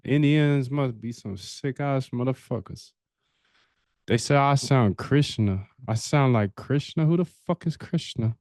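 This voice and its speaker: A man livestreams himself coding a trading bot, bantering loosely with chat, cracking jokes and swearing as he works. His mid-range voice is slightly mellow and measured in pace. The audio is a clean studio sound with no echo.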